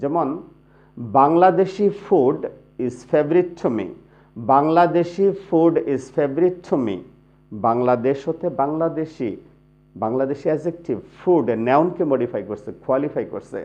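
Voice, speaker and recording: A man's voice: fairly high pitch, lively intonation, a little mellow. Man teaching English pronunciation, lo-fi. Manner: explains slowly, repeats example words for pronunciation. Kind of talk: spoken grammar lesson. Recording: dull lo-fi sound.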